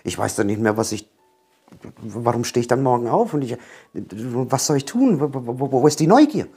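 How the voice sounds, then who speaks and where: Husky-voiced man coaching the viewer. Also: medium pitch, lively intonation, normal speed, dark tone. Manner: earnest, repetitive, speaks straight to the viewer. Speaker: self-help coach. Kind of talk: motivational self-help monologue.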